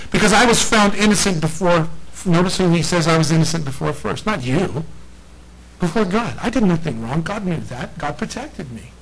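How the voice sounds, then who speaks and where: A man's voice: on the high side, low-quality recording. A man preaching a casual sermon, retelling scripture with playful acted-out voices and frequent laughter. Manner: animated storyteller, acts out lines in slangy voices, laughs often.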